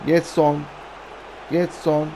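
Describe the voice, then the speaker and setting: A hoarse man, giving excitable live commentary over a football video game and shouting out player names in bursts. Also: a little high, drawn-out words, a little hiss or hum, low-quality recording. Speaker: gaming YouTuber.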